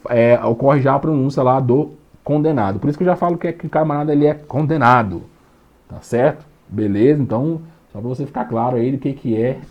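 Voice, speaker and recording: A man's voice: medium pitch, a little mellow. Brief: male law professor, casual slangy lecture, playful, keeps asking if you got it. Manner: slangy, jokey, keeps checking understanding. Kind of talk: online exam-prep lecture.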